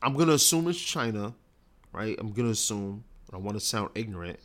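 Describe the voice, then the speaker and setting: A man's voice: fairly low pitch, expressive, a little fast. A man co-hosting a casual podcast, ranting in slangy, petty complaints. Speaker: podcast co-host. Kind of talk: casual chat.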